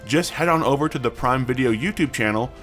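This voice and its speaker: Male news host, scripted narration in a middle-pitched voice, music bed behind. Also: fairly quick, fairly bright tone. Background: background music.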